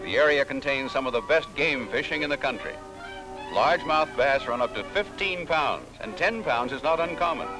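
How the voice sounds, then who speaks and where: An old-fashioned newsreel narration from a man with a middle-pitched, lively voice that rises and falls freely. He sounds upbeat and promotional throughout. Loud music plays under his scripted voice-over. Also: moderate pace, low-quality recording.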